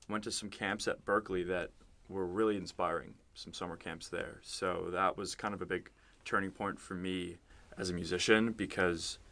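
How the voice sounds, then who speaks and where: A man, a band guitarist, telling his story in a relaxed, casual radio chat. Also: low-pitched.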